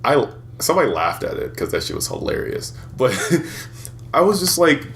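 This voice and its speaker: A man's voice: medium pitch, sing-song, normal speed, a bit bright, a little hiss or hum. A man in his twenties co-hosting a podcast, telling crude stories in a rambling, casual way and laughing often. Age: 20s. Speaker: podcast co-host. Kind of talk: casual chat.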